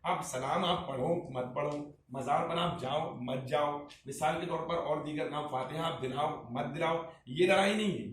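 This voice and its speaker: A man in the role of Islamic cleric leads a religious discussion, fairly high-voiced and emphatic, firing rhetorical questions at his listener. He sits back from the microphone in a roomy, echoing space. Faint ambient noise hums underneath. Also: normal speed, hardly any pauses. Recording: echoey room, distant mic, faint ambience.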